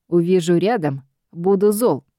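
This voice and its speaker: Woman doing a male demon boss, smug, teasing, lazy calm drawl, dry sound. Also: on the low side, measured pace, no room sound, close to an everyday voice.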